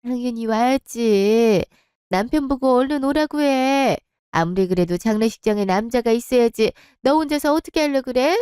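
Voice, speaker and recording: A woman's voice: moderate pace, a little mellow, clean tone, no room sound, studio quality, close to an everyday voice. Woman voicing a fussy middle-aged aunt. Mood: fussing. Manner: fussing, higher-pitched.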